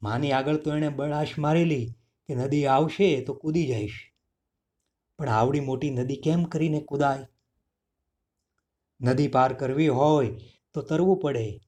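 A man narrating a children's story in a lively, expressive way. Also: mid-range voice.

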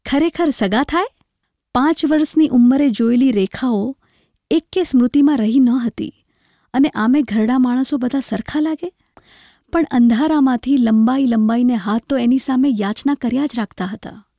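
A woman narrating a literary short story in a measured, reflective way. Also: high-pitched, vocal fry, dark tone, no room sound, studio quality.

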